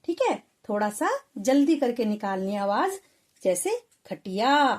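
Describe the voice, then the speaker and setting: A woman's voice: mid-range voice, big pitch swings, moderate pace, darkish tone. A woman teaching a Hindi lesson to children, patiently sounding out syllables one by one.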